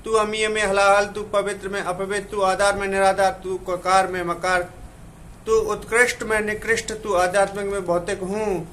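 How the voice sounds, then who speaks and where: A man's voice: high voice, level tone, moderate pace, a bit bright, a little hiss or hum. A man reciting verse in the voice of a boastful, defiant male demon in a devotional poem. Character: arrogant demon Kali, boastful male evil spirit.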